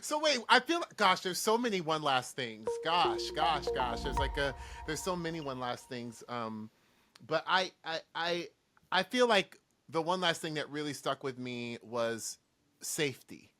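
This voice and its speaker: A man co-hosting a podcast, excitable and stammering through restarts in casual chat. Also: on the high side, a little slow. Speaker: podcast co-host.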